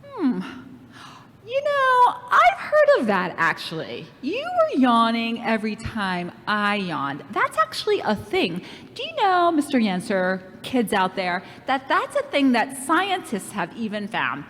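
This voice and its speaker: A woman leading a children's camp lesson, playful and animated as she speaks straight to the kids. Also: a little high, a little slow, slight background noise. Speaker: children's program leader. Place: church. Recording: echoey hall reverb.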